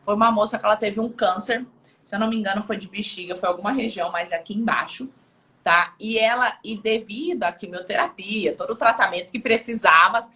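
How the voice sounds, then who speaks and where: Bright, chatty woman audiologist. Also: medium pitch, fairly quick. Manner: chatty, tags sentences with "tá?" and "né?". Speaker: audiologist guest. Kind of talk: casual interview talk.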